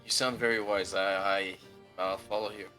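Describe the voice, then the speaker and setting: A man's voice: sits low, fairly even intonation, normal speed, bright, forceful tone. A man role-playing casually at a tabletop game in a hesitant slacker manner. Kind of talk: casual in-character role-play. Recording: music under the voice.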